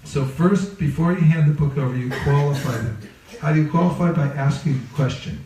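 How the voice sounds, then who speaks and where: Fairly quick and mellow, with a fairly high pitch, a California man teaching religion runs an interactive seminar, playfully questioning his audience and echoing key phrases. The distant recording picks up an echoey room with a live group.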